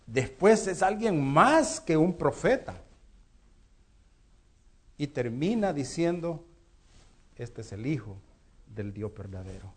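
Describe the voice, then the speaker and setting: Earnest male preacher, fairly high voice. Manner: earnest preaching with rhetorical questions and swings in loudness. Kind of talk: sermon.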